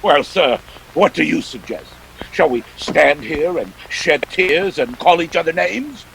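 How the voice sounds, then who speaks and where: An actor playing a jovial, pompous, scheming older crime boss with florid, courtly speech in a detective radio play. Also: male voice, fairly high pitch, lively intonation, measured pace, creaky, fairly bright tone, slight background noise, full character voice, low-quality recording. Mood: jovial, composed.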